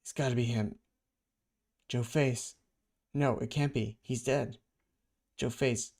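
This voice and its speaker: A man's voice: medium pitch, fairly even intonation, slow, creaky, darkish tone. A man voicing a wry young male superhero from a comic who has been drugged, muttering his inner thoughts in a self-mocking way.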